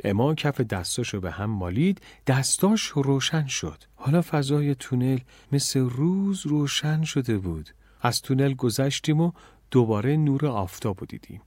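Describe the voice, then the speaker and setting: A man narrating an audiobook story in the first person, in an even, measured way. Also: medium pitch, no room sound, studio quality.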